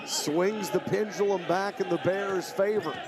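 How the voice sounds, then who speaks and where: High-pitched, gravelly male basketball analyst. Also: fairly even intonation, a little slow. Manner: conversational, opinionated analysis. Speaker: color analyst. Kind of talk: live sports commentary. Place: indoor basketball arena. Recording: crowd noise from basketball arena.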